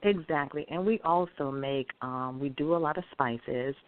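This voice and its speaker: Over a tinny line resembling a phone call, with faint hiss, a middle-aged Guyanese restaurant owner answers interview questions. Medium in pitch and normal in speed, the speaker is friendly and chatty, lingering on dishes with fillers.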